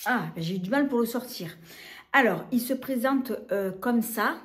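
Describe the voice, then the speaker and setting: A woman's voice: on the high side, animated, normal speed. A woman talking casually through a beauty haul, hesitant with many filler sounds. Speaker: beauty vlogger. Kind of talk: casual product haul talk.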